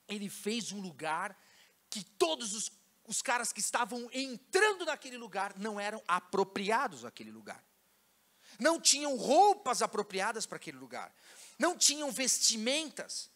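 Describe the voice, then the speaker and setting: A São pastor preaching in a very high, bright voice. He tells the story casually and full of slang, acting out each scene as he goes. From Brazil. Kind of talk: sermon. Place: church.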